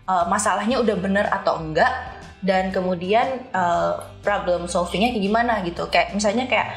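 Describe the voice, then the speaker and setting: A senior data scientist, a woman with a medium-pitched voice, talks about her work at a moderate pace as an interview guest. She keeps it informal, leaning on examples and analogies and slipping in English terms. The room has an echo, with faint music in the background.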